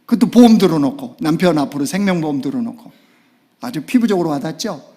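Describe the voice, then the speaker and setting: A male pastor preaching a Sunday sermon. He swings from hushed, almost whispered lines to loud, urgent exclamations. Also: on the high side, animated, quick pace. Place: church sanctuary.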